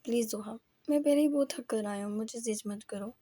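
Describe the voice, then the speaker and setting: A woman's voice: medium pitch, steady tone, mellow, husky, no echo, natural voice. A woman voicing a short-tempered young married man who speaks harshly and impatiently in an audio novel. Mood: angry.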